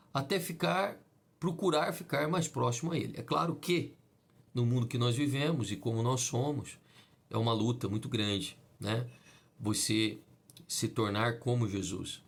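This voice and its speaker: Husky Brazilian man preaching. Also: medium pitch. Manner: teaching, repetitive, asks and answers his own questions. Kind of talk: sermon.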